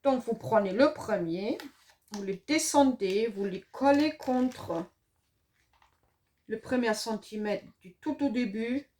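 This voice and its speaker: A woman's voice: on the high side, lively intonation, takes it slowly, darkish tone. A middle-aged woman with a noticeable regional French accent, chatting through a papercraft tutorial with lots of fillers and hesitations. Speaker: papercraft demonstrator. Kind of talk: casual craft tutorial.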